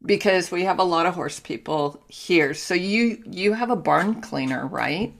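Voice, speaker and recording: Woman host from northern California; lowish voice, direct and curious. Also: a little slow, gravelly. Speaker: interviewer. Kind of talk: casual interview chat.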